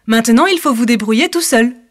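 A woman voicing a caring mother pig in a storybook reading, speaking gently and giving advice. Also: a little high, expressive, fairly quick, soft background music. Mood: gentle. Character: caring mother pig sending her sons off.

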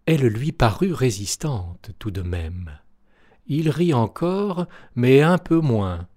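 A man reading a children's fairy tale aloud as a storyteller, expressive and lively. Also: medium pitch, slow.

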